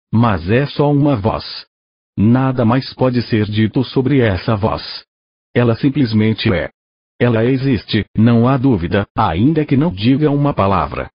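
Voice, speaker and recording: A man's synthetic voice reading a literary audiobook in the first person, even and measured. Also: medium pitch, slightly rough, no echo. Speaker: narrator. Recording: dull lo-fi dry recording.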